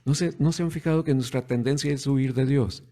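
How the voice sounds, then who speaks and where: A man with a dark, steady, mid-range voice preaches a little fast. His sermon is conversational, full of rhetorical questions for the congregation and acted-out voices of parents and children.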